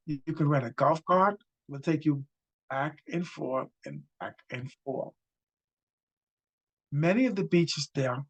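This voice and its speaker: An older Bahamian man hosts a casual travel talk to camera, chatty and enthusiastic, repeating words as he goes. His voice is a little high and the recording quality is poor. He sits indoors before a virtual city backdrop, framed head and shoulders like a webcam shot.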